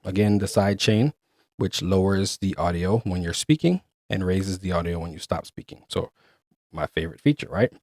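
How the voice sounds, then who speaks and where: A man's voice: low voice, normal speed, a little mellow, no echo, clean studio sound. A man hosting a casual product review, chatty and explaining features step by step. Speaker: gear reviewer and host.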